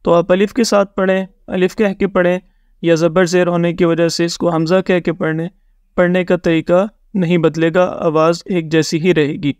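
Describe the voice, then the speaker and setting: A man with a fairly high, smooth and clean voice teaches a beginners' reading lesson. He sounds dry and close, without room echo. He is patient, repeats every rule, checks in often and sounds out each example slowly, mixing English words into his explanations. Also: little pitch movement, darkish tone. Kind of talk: step-by-step recorded lesson.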